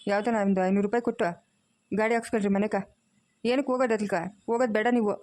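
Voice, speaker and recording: A woman's voice: mid-range voice, steady tone, rapid-fire, darkish tone, no echo, natural voice. A woman voicing a practical young son-in-law who coaxes and reasons with his mother-in-law in a cartoon story. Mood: coaxing. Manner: reasoning, coaxing. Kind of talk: cartoon voice acting.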